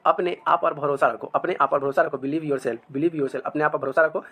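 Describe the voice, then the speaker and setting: Man teaching English slowly. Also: a little high, fairly even intonation, a bit bright, slightly rough. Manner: says each English sentence very slowly, then repeats it. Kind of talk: spoken English lesson.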